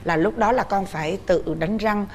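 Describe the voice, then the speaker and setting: A middle-aged woman with a Southern Vietnamese accent, hosting a couples talk show and gently coaxing her guests. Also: mid-range voice, moderate pace, slight background noise. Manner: warm, coaxing, speaking gently to a child. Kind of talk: casual chat.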